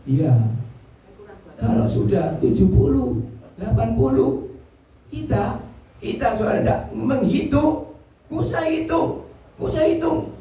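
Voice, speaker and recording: A pastor in his seventies with a Javanese Indonesian accent preaches an interactive sermon in a very high-pitched, dark-toned voice with lively intonation. He takes it slowly, pausing often, and is insistent and repetitive, putting questions to his listeners. He's far from the mic in a very echoey hall.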